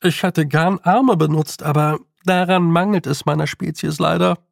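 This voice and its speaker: A man's voice: fairly high pitch, fairly even intonation, moderate pace, creaky, no echo, studio quality, voice pushed up. A man voicing a fussy, lawyerly talking toad. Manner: prim, apologetic, pedantic.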